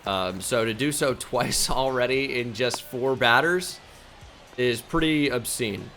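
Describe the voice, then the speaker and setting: A young man giving live commentary on a baseball video game, quickly flipping between frustration and joking at himself. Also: mid-range voice, faint music behind, some chatter behind. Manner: excitable, swings between frustration and self-mockery. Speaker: gaming channel host.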